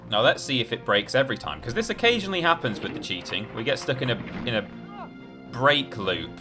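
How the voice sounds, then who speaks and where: Over video game music, a man gives live gameplay commentary mixed with casual chat to his viewers, thinking out loud as he goes. His mid-pitched voice is very animated and fairly quick.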